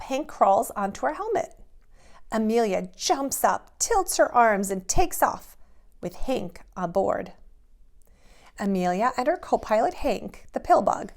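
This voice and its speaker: With a somewhat high, slightly mellow voice, a woman who teaches preschool guides young children through an expressive picture-book reading or a drawing lesson, keeping her phrases simple.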